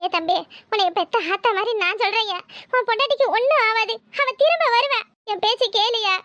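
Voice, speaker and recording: A woman voicing a fussy, superstitious old mother-in-law in a Tamil village cartoon. She has a Tirunelveli accent and a scolding, fretful way of talking, in a high, quick voice that sounds dry and close. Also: sharp tone, dry recording. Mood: worried. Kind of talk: cartoon voice acting.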